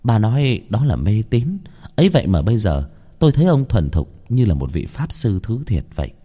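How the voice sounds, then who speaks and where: A man's voice: fairly low pitch, very animated, brisk, mellow. A man narrating a ghost story in a dramatic, suspenseful manner.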